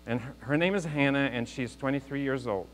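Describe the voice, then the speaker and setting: Brisk and mid-range in voice, the guest speaker, a Lebanese man in his 50s, talks directly to a crowd in a big hall. He mixes earnestness with jokes to motivate them, and the audio is reverberant with a mains hum.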